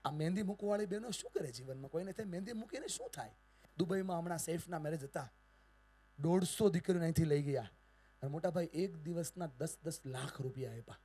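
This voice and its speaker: A man with a Gujarati accent from Surat, giving a motivational speech to a family gathering, theatrical, calling out to the audience for replies and swinging from hushed to loud. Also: fairly high pitch, fast talker, breathy edge. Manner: theatrical, call-and-response with the audience, big swings in loudness. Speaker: motivational speaker. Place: large hall with a live audience.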